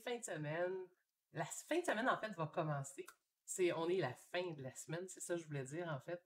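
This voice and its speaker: Relaxed Québécois woman chatting while painting. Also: fairly low pitch. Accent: Québécois French. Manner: chatty and relaxed, thinking aloud with many fillers. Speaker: painter hosting a live stream. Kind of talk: casual live-stream chat while painting. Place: home studio.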